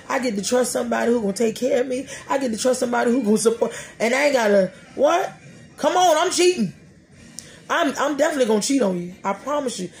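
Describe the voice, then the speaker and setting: A woman in her thirties hosts a casual faith podcast from a small room, seated indoors before a dark curtain. Her voice is a little high, with slight background noise. She talks animatedly and preachily, speaking to herself and tossing in laughing asides.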